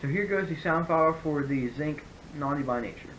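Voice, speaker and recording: A man's voice: a little high, a little fast, fairly bright tone, a little hiss or hum, rough recording. A man giving a casual, rambling product review, often correcting himself as he explains. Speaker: hunting gear reviewer.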